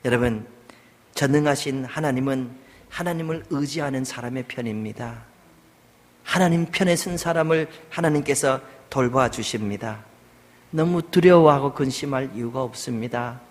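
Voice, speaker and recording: A man preaching a sermon as senior pastor, moving from quiet, joking talk to loud, shouted prayers. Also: medium pitch, normal speed, in a large hall. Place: church sanctuary.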